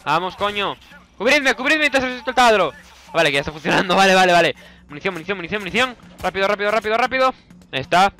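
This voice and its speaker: A young man with a Spanish accent from Spain, giving let's play commentary, excitable and shouting orders at his teammates while swearing constantly. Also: high-pitched, fast. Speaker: gaming YouTuber.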